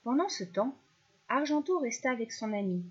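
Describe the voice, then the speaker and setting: Expressive woman reading a children's story. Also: fairly high pitch, moderate pace, slightly rough, lo-fi sound.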